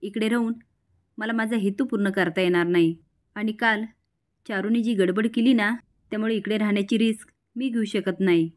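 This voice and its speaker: A woman reading as a scheming smooth-talking woman. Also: mid-range voice, steady tone, normal speed, close to an everyday voice. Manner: read out within a plain recap.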